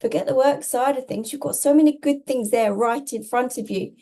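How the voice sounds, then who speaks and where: Mellow-voiced woman giving a tarot reading. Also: high-pitched, a little fast. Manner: reassuring, emphatic, repeats in short phrases. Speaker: tarot reader, host. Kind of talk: casual spiritual guidance monologue, tarot reading.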